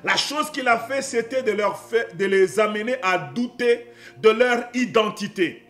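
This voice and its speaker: A man preaching a sermon with fervour, often rising to a shout and repeating phrases. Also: sits high, unhurried, faint music behind. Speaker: pastor.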